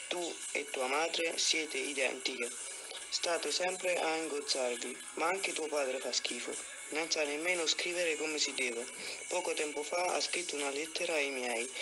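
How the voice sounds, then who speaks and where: A man reading a horror story aloud as a student reader, steady with occasional stumbles. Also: on the high side, poor audio.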